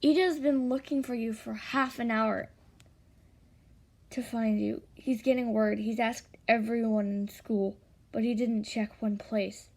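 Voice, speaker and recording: Slow, gravelly young woman reading her story. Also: on the high side, steady tone, darkish tone. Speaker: fan fiction narrator. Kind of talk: reading a self-written fan story.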